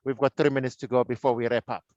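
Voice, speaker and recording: A man's voice: medium pitch, flat delivery, quick pace, a little mellow, no echo, lo-fi sound. A man hosting a webinar panel who politely keeps track of time and invites the panelists to respond. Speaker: host.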